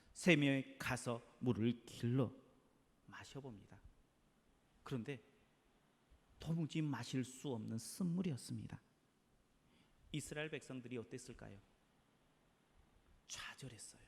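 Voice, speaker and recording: A man preaching a sermon as pastor, dramatic, with hushed asides and loud emphasis. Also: medium pitch, a little slow, gravelly, long pauses. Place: church sanctuary. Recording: long church hall reverb.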